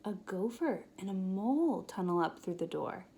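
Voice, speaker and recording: A woman preschool teacher reading a children's picture book aloud, expressive and sometimes whispering. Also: mid-range voice, a little hiss or hum. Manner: expressive, drawn-out storytelling with whispered bits.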